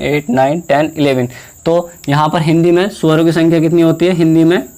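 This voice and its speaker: A young male teacher giving a Hindi grammar lesson. He asks the class questions, answers them himself, repeats key terms and draws vowel sounds out slowly to demonstrate them. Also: on the high side, a little mellow.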